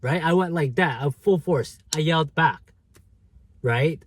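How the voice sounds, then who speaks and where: A man's voice: a little high, a little slow. A man casually telling a story from an old job to his viewers, full of fillers, restarts and "right?". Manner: rambling, many fillers and restarts. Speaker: vlogger.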